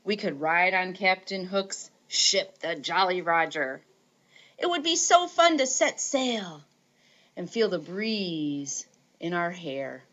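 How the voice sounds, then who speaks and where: Woman teacher reading a fun letter real slow, bright voice, muffled lo-fi sound. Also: fairly low pitch. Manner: playful, slow, expressive. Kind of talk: reading an example letter aloud. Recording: dull lo-fi recording.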